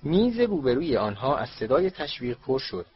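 A man narrating a storybook audiobook in a steady reading voice, on a dull lo-fi recording. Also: medium pitch, slight background noise.

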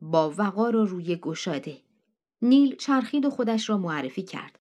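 Woman reading a story aloud, steady. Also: mid-range voice. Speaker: narrator. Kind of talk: audiobook reading of a short story.

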